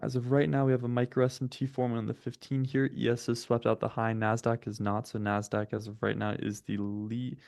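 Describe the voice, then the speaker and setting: Hosting a live market-commentary stream, a man who grew up in the United States speaking French first works through price levels and setups methodically, chatting with viewers in between chart reads. He talks briskly with few pauses in a level, mid-range voice that is a little mellow and touched with vocal fry. It's a studio-quality recording without echo.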